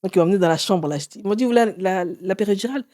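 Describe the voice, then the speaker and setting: A woman in her forties, an author and interview guest, telling her own story in a lively way and acting out what others said. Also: rapid-fire, dry recording, studio quality. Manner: animated, acts out others' words with sudden pitch jumps.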